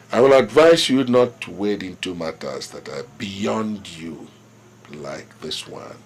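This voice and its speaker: A man's voice: deep voice, a little hiss or hum, heavily acted. A stubborn old Nigerian king. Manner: measured, proverb-quoting, authoritative. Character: aging village king, proud, stubborn, lecturing. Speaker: traditional king. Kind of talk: film drama acting.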